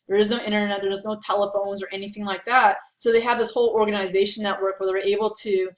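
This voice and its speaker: A woman's voice: mid-range voice, reverberant. A woman teaching a history lesson in a chatty, casual way, with lots of fillers and asides. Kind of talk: casual classroom lecture.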